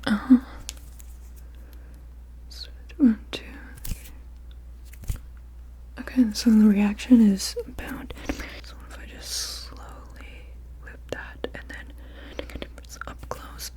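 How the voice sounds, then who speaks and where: Woman doing whispered role-play asmr, real slow, breathy, mumbling half sentences to herself with little hums. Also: on the high side, steady tone. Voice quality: breathy, mostly unvoiced whisper with soft murmurs. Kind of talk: whispered ASMR role-play of studying the listener and taking notes.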